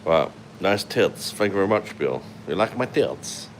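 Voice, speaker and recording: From a hotel room at night, a very deep-voiced man with a London accent runs a casual livestream, reading comments with his phone at arm's length and a faint air-conditioning hum in the background. He's blunt, swears freely and laughs often. He's very animated but keeps a moderate pace.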